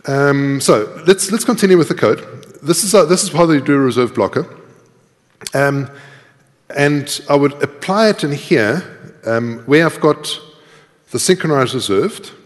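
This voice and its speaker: This middle-aged man, speaking at a conference, has a voice on the high side and an animated delivery, talking a little slowly. He explains and thinks aloud as he types during a live coding lecture. The large tiered hall makes the recording echoey with long reverb.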